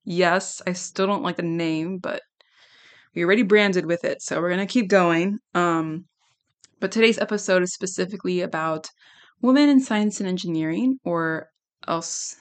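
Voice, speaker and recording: A young adult woman hosting a casual solo podcast, giggly and rambling, with a slightly hoarse, worn-out voice. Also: lowish voice, normal speed. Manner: giggly, rambling, self-deprecating. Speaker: podcast host.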